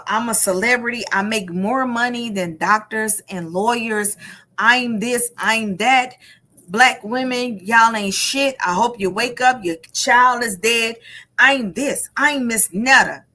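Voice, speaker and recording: Speaking slowly in a slightly high voice, a woman hosts a livestream full of casual gossip. She tells her stories with animated emphasis, acting out quotes and repeating phrases to drive them home.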